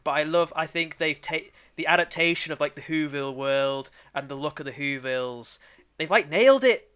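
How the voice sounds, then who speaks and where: A man co-hosting a podcast, chatting casually with lively, quick interjections. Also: on the high side, clean tone. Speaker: podcast co-host. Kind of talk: casual chat.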